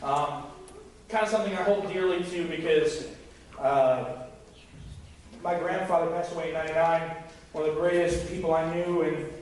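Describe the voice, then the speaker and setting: A man's voice: a little high, fairly even intonation, moderate pace, long pauses, a little mellow, a little hiss or hum. A young man preaching a conversational, joking sermon as youth pastor, acting out quoted voices. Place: church sanctuary. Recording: echoey room from far off.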